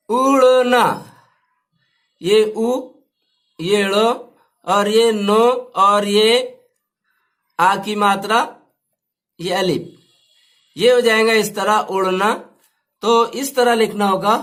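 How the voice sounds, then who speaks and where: A male teacher, slowly spelling out words and repeating each sound for his students. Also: high-pitched, fairly bright tone. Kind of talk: slow step-by-step language lesson.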